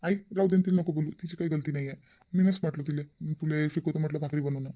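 Man voicing a gentle young cartoon husband, soft, pleading, slightly high. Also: flat delivery, fast, highs cut off, close to an everyday voice. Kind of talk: cartoon voice acting.

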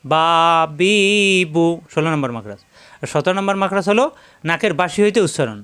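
Male Quran teacher, Bangladeshi accent, high clear voice, patient drilling of syllables. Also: very animated, fairly bright tone. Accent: Bangladeshi Bengali. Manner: slow, repeats syllables for drilling. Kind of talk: step-by-step recitation lesson.

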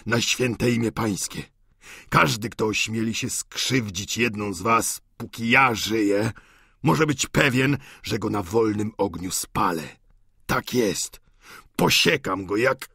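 A man's voice: sits low, gravelly, a bit bright, slightly rough, no echo, clean studio sound, exaggerated voice. Man voicing an old frail grieving father. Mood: enraged. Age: older. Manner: broken, halting outbursts of rage and tenderness. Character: elderly doting father, frail, furious with grief.

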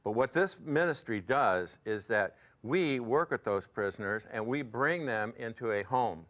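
A plain-spoken man in his sixties, a ministry board member appearing as a guest, gives testimony in an interview on an indoor TV studio set. His mid-range voice is expressive and a bit bright, and he tells his story without hurry but with real fervor.

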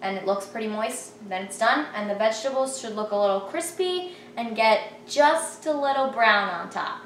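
A woman's voice: a little high, animated, moderate pace, fairly bright tone. A cheerful young woman hosting a casual cooking demonstration in her home kitchen, explaining each step plainly. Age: young adult. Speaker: cooking channel host. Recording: roomy kitchen echo, faint noise.

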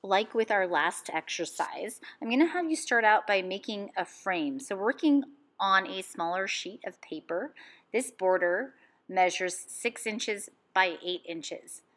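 A woman art teacher giving calm, step-by-step instructions in a drawing lesson voice-over. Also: medium pitch, a little slow.

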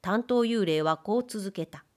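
A woman narrating a period story in a measured storytelling manner. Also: mid-range voice, a little mellow. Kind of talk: audiobook reading of period fiction.

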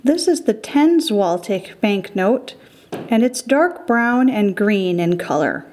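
A woman's voice: mid-range voice, big pitch swings, slow, darkish tone, a little hiss or hum. A middle-aged woman hosting a currency collecting show, giving careful scripted educational narration.

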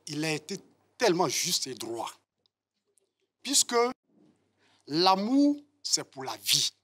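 A man speaking from a studio audience, slow and earnest. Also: fairly high pitch, wildly swooping pitch, fairly bright tone, breathy edge. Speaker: audience member. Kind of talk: audience comment in a debate.

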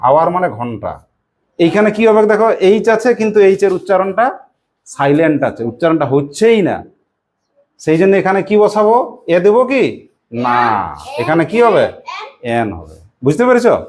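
Using call-and-response in class, this woman teaches primary English with a West Bengal Bengali accent and a slightly low, darkish voice. She is very animated, speaks at a moderate pace with long pauses, and asks questions again and again to patiently draw out answers.

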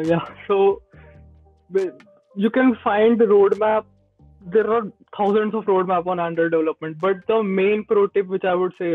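A man in his twenties with an Indian accent and a high voice appears as a podcast guest, an Android developer giving casual advice in a video-call interview. He talks from a small indoor room through earbuds, and the dry, echo-free audio sounds thin and tinny like a phone call, with faint music behind.

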